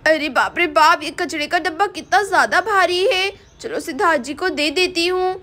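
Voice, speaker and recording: A woman's voice: very high-pitched, moderate pace, pushed and bright. Woman as a chatty bossy young housewife. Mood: scolding. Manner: chatty, scolding, talking to herself. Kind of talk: storytelling with doll play.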